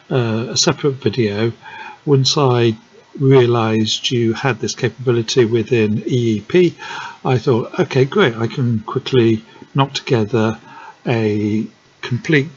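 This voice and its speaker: Male tutorial presenter, unscripted and halting, mid-pitched, dull recording with light background noise. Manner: hesitant, many ums and restarts, friendly. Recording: dull lo-fi sound with faint noise.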